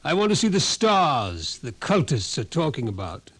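An older psychologist with a knowing calm who lays out doom like a lecture. His tone is measured and quietly ominous, in the style of an old radio play. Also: on the high side, husky, full character voice. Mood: explaining. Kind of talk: 1950s radio drama acting.

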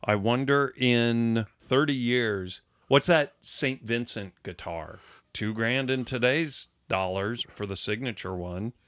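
A man co-hosting a casual chat, talking in an animated, profane way. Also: medium pitch, takes it slowly, no room sound, clean studio sound. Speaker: podcast co-host.

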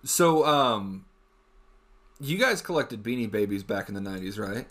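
A man's voice: lowish voice, animated, normal speed, over a noisy crowd. A man hosting a casual comedy podcast, swearing and joking in rambling group banter. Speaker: podcast host.

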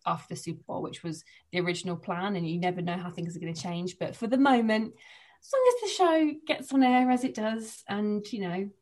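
An English woman, a sports presenter, chatting casually on a podcast from home with quick laughs. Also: mid-range voice, lively intonation, a little mellow. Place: living room at home.

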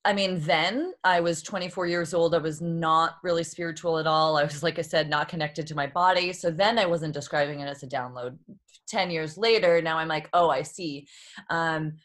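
A Boston woman in her thirties, a yoga therapist, shares her story as a podcast guest in a relaxed interview, reflective and open and often laughing. Her voice is low and a bit bright, with a steady tone and a moderate pace.

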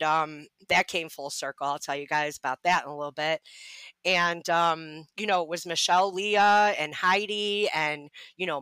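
A woman's voice: on the low side, bright, forceful tone, clean tone, dry recording, poor audio. A woman guest on a podcast, telling her life story candidly, with swearing and frequent laughs. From Ohio. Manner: candid and profane, laughs often.

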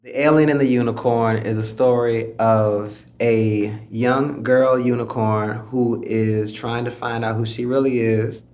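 A man's voice: mid-range voice, steady tone, darkish tone. A man speaking earnestly and reflectively, a first-time children's book author in an interview clip. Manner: earnest and reflective, halting at times.

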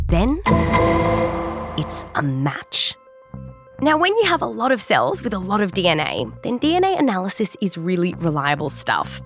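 A woman with an Australian accent narrating a scripted science documentary in a conversational storytelling way, leaning on key words. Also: mid-range voice. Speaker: host and narrator.

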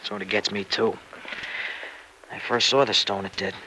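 An actor playing Freddie, a playful young husband, in 1940s radio drama style. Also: male voice, fairly low pitch, fairly even intonation, normal speed, pushed and bright, a little hiss or hum, low-quality recording. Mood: hushed. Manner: boyish, teasing.

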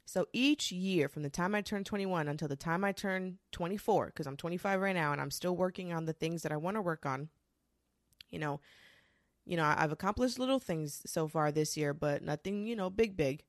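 A woman in her twenties talking casually and candidly to the camera, swearing freely and rushing through quick bursts. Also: lowish voice, no echo, clean studio sound. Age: 20s. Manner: candid and profane, with frequent restarts and quick bursts. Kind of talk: casual confessional monologue.

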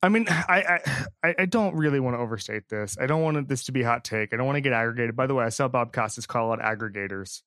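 A man hosts a casual sports podcast at an ordinary middle pitch, talking in loose, rambling stretches full of restarts and side stories. His voice sits close to a studio mic with a dry, dead sound and no room around it. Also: fast talker, fairly bright tone, smooth, no room sound. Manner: rambling, frequent restarts and asides. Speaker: podcast host.

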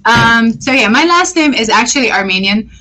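A woman's voice: fairly high pitch, animated, moderate pace, pushed and bright, poor audio. A woman in her thirties from Lebanon, a guest accountant telling her story in a friendly way with many fillers. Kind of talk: casual interview.

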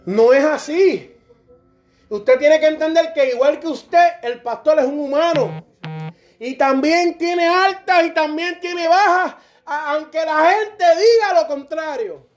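A man's voice: very high-pitched, takes it slowly. A middle-aged man preaching a sermon, fervent and direct, now and then acting out churchgoers in dialogue. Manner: impassioned, acts out church members in dialogue.

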